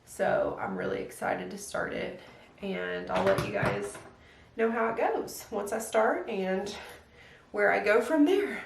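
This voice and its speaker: A woman's voice: medium pitch, a little slow, gravelly, a little hiss or hum. A young woman, a stay-at-home mom, chatting casually through a step-by-step get-ready-with-me routine at home. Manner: chatty, relaxed, step-by-step how-to with lots of "like". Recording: echoey room, voice a bit distant.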